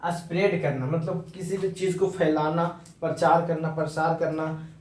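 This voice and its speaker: A little high and a little mellow, with fairly even intonation, this man's voice sounds far from the microphone. He's an English vocabulary teacher in an echoey room, giving an informal lesson slowly in Hindi mixed with English while repeating and spelling words.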